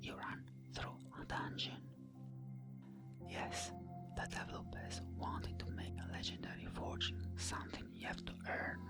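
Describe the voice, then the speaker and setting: A narrator giving a scripted game guide in a breathy, intimate ASMR whisper, close to the mic, measured and explanatory. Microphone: close microphone, ear to ear.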